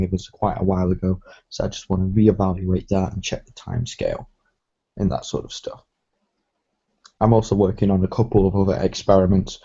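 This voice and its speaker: Man, deep husky voice, casual stream host, dull lo-fi audio. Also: warm tone. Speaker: magician hosting a live stream. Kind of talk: casual live-stream chat.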